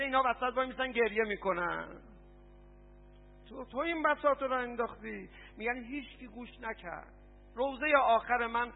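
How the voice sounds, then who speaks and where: Impassioned high-voiced male preacher, tinny. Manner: impassioned, swings from hushed to shouted; sarcastic asides. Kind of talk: mourning sermon with recitation. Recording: tinny phone-like sound, long hall reverb.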